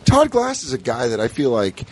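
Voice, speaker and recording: A man's voice: medium pitch, huge pitch swings, normal speed, slight background noise. A male podcast host in casual comedy chat, making his point firmly and repeating it. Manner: emphatic, repeats opinions.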